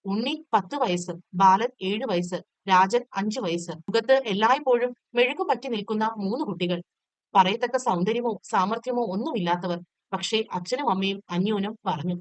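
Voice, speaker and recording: A woman tutor reading a textbook short story aloud in a steady, measured storytelling way. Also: mid-range voice, no room sound.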